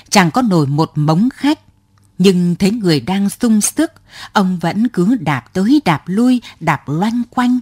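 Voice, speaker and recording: A woman narrating an audio story in a calm, measured way. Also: on the low side, breathy edge, no echo, clean studio sound.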